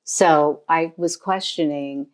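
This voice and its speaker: Low-voiced older American host. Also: female voice, fairly even intonation. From United States. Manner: warm, complimentary, thinks aloud with pauses. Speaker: podcast host, fashion designer. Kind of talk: casual interview.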